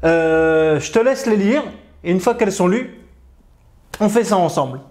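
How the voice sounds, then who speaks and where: A man's voice: sits high, expressive, a little slow, a little mellow. A man teaching reading, patiently sounding out French syllables one at a time and switching into to explain. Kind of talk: bilingual reading lesson, French explained in Arabic.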